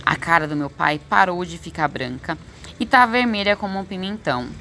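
A woman reading a children's book aloud as an audiobook narrator, expressive and lively. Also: on the low side, brisk, a little hiss or hum. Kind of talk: storybook reading.

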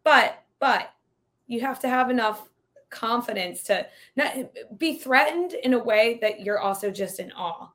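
A woman's voice: fairly high pitch, animated, a little slow, a bit bright. A woman co-hosting a casual sports betting podcast, upbeat and chatty, laughing often. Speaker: podcast co-host.

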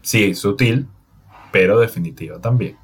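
A man's voice: lowish voice, moderate pace. A man with a Venezuelan accent co-hosting a casual podcast, teasing his partner and laughing easily. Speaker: podcast co-host. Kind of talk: casual chat.

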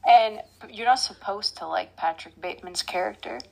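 A woman's voice: mid-range voice, creaky, a little mellow, poor audio. Easygoing young woman in casual chat. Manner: easygoing and chatty, with frequent likes and quick laughs.

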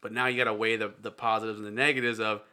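A man's voice: lowish voice, flat delivery, racing, bright, forceful tone. A man co-hosting a podcast, leading the casual chat with questions. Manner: asks questions, leads discussion. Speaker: podcast co-host.

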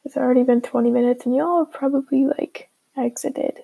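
A teenage girl chatting casually and hesitantly as a beginner solo podcast host, with lots of filler words, recorded on a low-quality earbud microphone. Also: steady tone, a little fast, vocal fry, mellow, husky. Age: teenager, fifteen. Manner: informal, hesitant, heavy filler "like".

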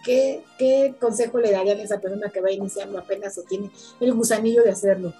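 A woman's voice: mid-range voice, fairly even intonation, fast, mellow, slightly rough, faint music behind. A young woman, hosting a casual podcast chat in a chatty way and laughing easily. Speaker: podcast host.

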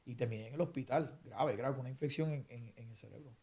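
A young man, a preacher and musician telling his testimony in a chat and acting out the voices in his story. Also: mid-range voice. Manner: fast, animated storytelling, acts out dialogue. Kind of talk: conversational testimony.

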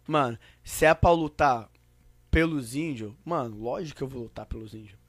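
A man's voice: mid-range voice, normal speed, no echo, studio quality. A young man in casual podcast banter, full of street slang and swearing, repeating himself insistently. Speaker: podcast co-host.

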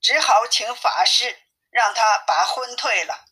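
An anxious old father frets over his troubles in a storybook tale, played by a woman reading aloud. The voice is bright and a little breathy, pitched fairly high. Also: slow pace, full character voice, rough recording. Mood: fretful. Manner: anxious, complaining. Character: worried old male landlord, fretful father.

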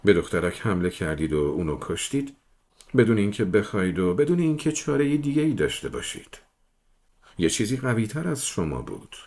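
A man voicing a shrewd police detective who persuades a suspect in a smooth, patient manner. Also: lowish voice, sing-song, a little mellow. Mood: persuasive. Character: shrewd coaxing middle-aged male police detective.

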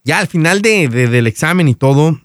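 A man's voice: a little high, moderate pace, no room sound, studio quality. A man, hosting a podcast and casually telling a personal story, acting out the back-and-forth of the conversations. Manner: animated retelling that acts out dialogue. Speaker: podcast host.

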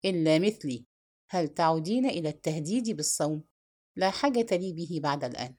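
A woman's voice: sits low, expressive, fast talker. A woman voicing a cold, defiant captive princess. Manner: curt, cold, sharp replies.

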